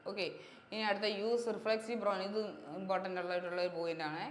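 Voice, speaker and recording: A woman teaching grammar, repeating each point and pausing to check that students follow. She speaks in a level, even tone. The room is echoey with a long reverb tail, and a faint hiss sits underneath. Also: medium pitch. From Kerala, India. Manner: repetitive drilling, checks understanding with quick questions. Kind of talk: exam-prep grammar lesson.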